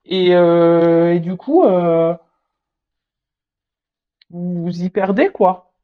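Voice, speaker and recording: A tarot reader talks through a casual reading, stumbling and repeating words as the thoughts come. The voice sits at a middle pitch, and the recording sounds dull and lo-fi. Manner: halting, repeats words, frequent "hein" tags.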